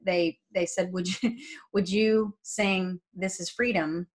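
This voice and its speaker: Animated woman telling family stories on a video call. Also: medium pitch, slow. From New Jersey. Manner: animated storyteller who acts out quoted family members. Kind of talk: casual faith interview. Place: home room with lamp, video call.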